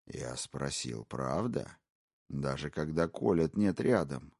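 A man voicing a cold, menacing male captor who taunts his hostages in a slow, hushed, gravelly half-whisper. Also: a bass voice, expressive, voice pushed down, full character voice. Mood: taunting.

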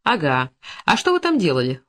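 A reader voicing a brisk male investigator in an audiobook, questioning with dry, mildly mocking persistence. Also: medium pitch, wildly swooping pitch. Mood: probing.

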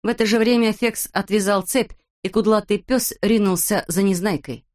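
A woman reading a children's storybook aloud as an audiobook narrator, in a steady, even manner. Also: medium pitch, normal speed.

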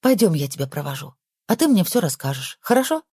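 Man putting on a gentle caring woman. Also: high voice, expressive, fairly quick, breathy edge, no echo, clean studio sound, pitched above the performer's own voice. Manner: soft, pleading.

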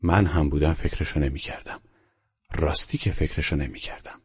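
A man voicing a bossy, practical older housekeeper in an audiobook, speaking in a brisk, commanding way. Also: very deep voice, steady tone, slightly rough, dull audio, heavily acted. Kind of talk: audiobook character reading.

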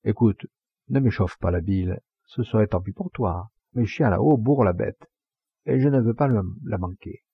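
A man's voice: fairly low pitch, moderate pace, gravelly, slightly rough, no room sound, phone-quality sound, exaggerated voice. A man voicing a proud, hot-tempered Provençal poacher in a storybook reading, with scornful, fiery retorts. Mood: calm.

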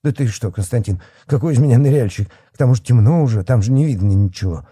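A man voicing a fat, pompous rural policeman who sneers and shouts at teenagers. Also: mid-range voice, moderate pace, no room sound, clean studio sound, voice pushed up, lightly acted. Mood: scared. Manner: blustering, scornful, shouting.

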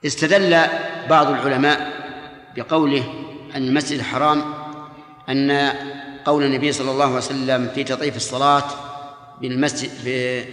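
A man who is an Islamic scholar, giving a measured, didactic Quran commentary lesson. He asks his students questions and answers them himself, and he speaks to them directly. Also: mid-range voice, little pitch movement, a bit bright. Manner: addresses and corrects listeners directly. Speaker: Islamic scholar teaching a class. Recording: echoey hall with long reverb, archival lesson tape.

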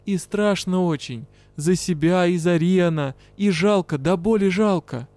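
A man's voice: high voice, unhurried, a little mellow, no room sound, soft background music, pitched above the performer's own voice. A man voicing a frightened young woman in an audiobook, tearful and pleading in a raised, thin voice.

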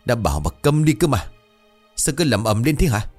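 A man's voice: fairly low pitch, big pitch swings, moderate pace, soft background music. A man voicing an angry middle-aged village father in a horror story, barking short clipped lines. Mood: harsh.

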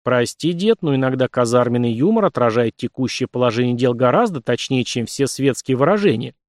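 A man voicing a quick-tempered, cheeky young man with sharp, teasing retorts. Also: mid-range voice, lively intonation, dry recording, studio quality, close to an everyday voice. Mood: cocky.

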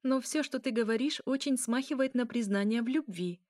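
Brief: a woman playing a young vampire princess, high and proud, vengeful, dry close read. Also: lively intonation, normal speed, a little mellow, no room sound, close to an everyday voice. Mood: tender teasing. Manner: fierce, pleading, bitter. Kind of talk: audiobook character reading.

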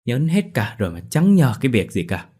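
A man voicing a sharp-tongued village mother who nags her daughter in a shrill, scolding tirade. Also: very animated, brisk, slightly rough.

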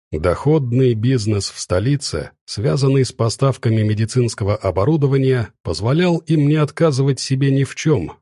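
Guy reading a novel out loud, warm soft tone, steady pace, dead dry sound. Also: mid-range voice, no echo. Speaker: narrator. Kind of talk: scripted audiobook narration.

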